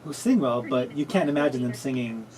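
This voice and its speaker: A man's voice: mid-range voice, expressive, brisk, crowd noise. A man hosting a casual chat, rambling along with fillers and restarts. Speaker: host.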